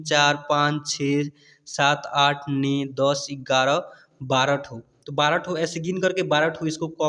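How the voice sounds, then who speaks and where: A man teaching a lesson, explaining letters step by step and often asking whether it is clear. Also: on the high side, fairly bright tone, big-room sound. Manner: patient, repeats "clear?" checks. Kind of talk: explaining spelling at a board.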